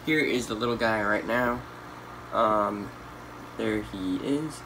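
Speaking slowly in a lowish voice over a noisy background, a teenage boy with a stuffy nose rambles through a casual pet care vlog with lots of fillers. He films his home room full of tanks on a handheld phone.

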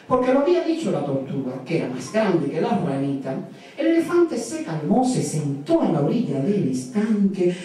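A storyteller with a mellow, medium-pitched voice tells a folk tale at a live event, using playful, sing-song repetitions. The recording is echoey and picked up from far off in the room.

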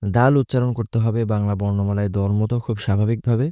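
Low, dark-voiced man teaching letters. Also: little pitch movement, no room sound, clean studio sound. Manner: patient, methodical, repeats letter names with drawn-out sounds. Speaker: Quran recitation teacher. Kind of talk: explaining Arabic letters and pronunciation.

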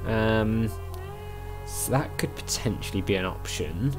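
A man's voice: lowish voice, measured pace, music in the background, low-quality recording. A man hosting a let's play, thinking aloud in casual, tentative game commentary. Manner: musing, tentative.

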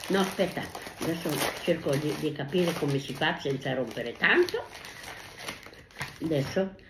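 A woman's voice: deep voice, a little slow. An older woman, a grandmother, talking in a casual home video; she is effusive, repeats her thanks over and over and breaks into sing-song exclamations. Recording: echoey room with faint noise.

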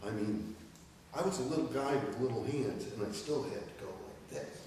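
A middle-aged man from New Hampshire telling slow, folksy stories about his boyhood to a small group. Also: medium pitch, darkish tone. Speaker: speaker at an oral history gathering. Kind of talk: casual storytelling. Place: wood-paneled old town meeting hall. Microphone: far camera. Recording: echoey hall from far off, noisy.

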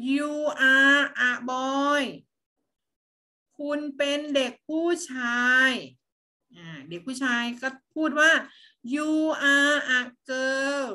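A woman teaching an online lesson to young children, coaxing them in a slow, sing-song voice. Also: fairly high pitch, sharp tone. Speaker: kindergarten teacher.

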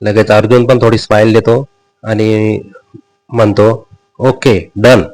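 A man's voice: fairly low pitch, little pitch movement, a little slow, darkish tone, low-quality recording. A man retelling a television serial episode in a casual, folksy storytelling manner, addressing his listeners directly. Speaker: serial recap narrator. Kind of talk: casual story recap narration.

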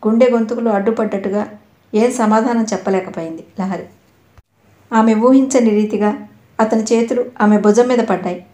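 A woman narrating an audio novel in a steady, dramatic storytelling manner. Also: a little high, moderate pace. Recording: echoey room.

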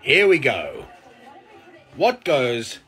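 A middle-aged man with a husky voice telling dad jokes into a phone, with setups and lifted punchlines. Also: mid-range voice, huge pitch swings, extremely slow, fairly bright tone, a faint crowd. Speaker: dad joke teller in short social media clips. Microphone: phone at arm's length.

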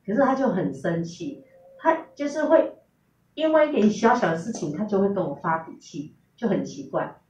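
A woman's voice: medium pitch, expressive, normal speed, a little mellow, a little hiss or hum. Middle-aged woman, sincere testimony, mic set back in a reverberant room. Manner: earnest, recounting with quoted dialogue. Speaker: testimonial speaker. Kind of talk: personal testimony, storytelling. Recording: roomy, distant, dull recording.

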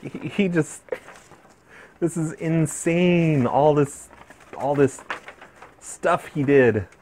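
A man's voice: medium pitch, a little hiss or hum. A man chatting casually as he opens fan mail, rambling and easily amused, with many restarts. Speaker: vlogger opening fan mail. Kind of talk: casual unboxing chat.

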